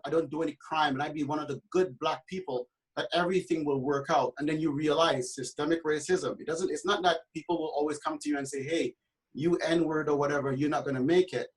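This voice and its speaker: A man's voice: fairly high pitch, poor audio. Passionate man from Trinidad and Tobago. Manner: passionate, many fillers and restarts. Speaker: realtor guest on a panel. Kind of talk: earnest panel discussion.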